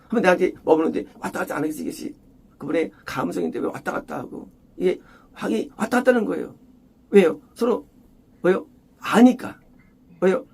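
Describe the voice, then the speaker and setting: Gravelly, emphatic Korean pastor preaching. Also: male voice, sits high. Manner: emphatic, repetitive, rising to near-shouts. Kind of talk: expository sermon.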